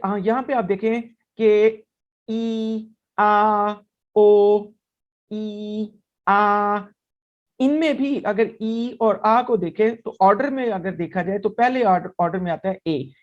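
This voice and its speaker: A male teacher working through a language lesson at an unhurried, deliberate pace. He explains patiently and sounds out each vowel slowly, one after another. The recording is a little dull and lo-fi. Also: high-pitched, a little mellow.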